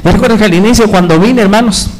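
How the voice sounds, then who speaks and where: Man, pastor, sermon, high voice, rhetorical questions, emphatic delivery. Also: quick pace, slight background noise, low-quality recording. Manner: addresses the congregation as brothers, with constant rhetorical questions; emphatic, with shifting pitch and loudness.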